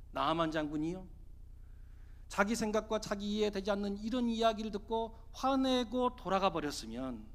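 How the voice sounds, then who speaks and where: High bright-voiced male pastor preaching. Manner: emphatic storytelling with rhetorical questions, often addressing the congregation. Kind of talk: sermon. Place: church sanctuary.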